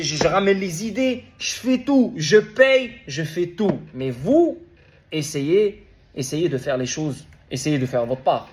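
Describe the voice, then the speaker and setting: A man speaking to his followers in a heated, rambling monologue, swearing and repeating himself. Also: on the high side. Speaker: crypto project founder.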